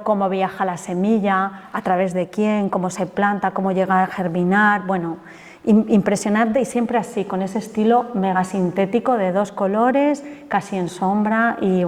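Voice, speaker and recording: A woman's voice: mid-range voice, a little mellow. A woman lecturer, chatting enthusiastically and colloquially while taking questions after her talk. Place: lecture hall. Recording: long reverb of a lecture hall.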